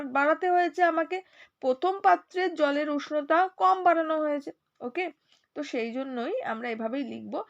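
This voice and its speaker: A high-pitched woman with a Bengali accent, a little under the weather, speaking softly as she teaches a science class. She reads questions out, then works through them step by step and asks students whether they follow. The recording sounds dull and lo-fi. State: slightly unwell, speaking softly. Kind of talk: explaining a science lesson.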